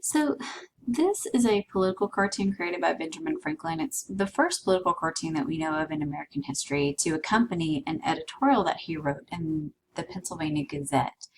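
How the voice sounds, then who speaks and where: Woman lecturing, slightly low voice. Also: animated, brisk, distant mic, slight background noise, rough recording. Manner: conversational, explains with asides to students. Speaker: history instructor. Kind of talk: recorded lecture.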